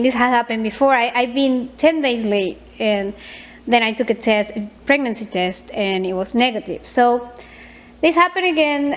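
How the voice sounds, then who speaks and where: Woman, 30s, slightly high voice, soft halting confessional vlogger. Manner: soft, hesitant, with frequent fillers and repeats. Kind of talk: personal confessional vlog.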